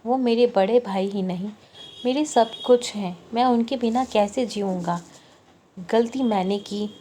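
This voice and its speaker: A woman's voice: on the high side, measured pace, mellow, a little hiss or hum, close to an everyday voice. A woman voicing a tearful young man who pleads with his sister-in-law in a choked voice, in a read-aloud family story. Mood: remorseful.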